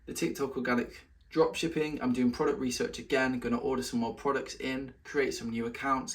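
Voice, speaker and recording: Man, middle pitch, casual solo update vlog, chatty, slightly out of breath. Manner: chatty, talks to his cat in a high sing-song voice between points. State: a little out of breath. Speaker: vlogger giving weekly update.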